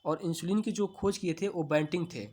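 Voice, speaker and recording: A man teaching exam questions, asking each answer back as a question and then repeating it, stretching key terms slowly. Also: sits high, fairly even intonation, darkish tone, husky. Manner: slow, drawn-out stresses on key terms. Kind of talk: quiz-answer lesson.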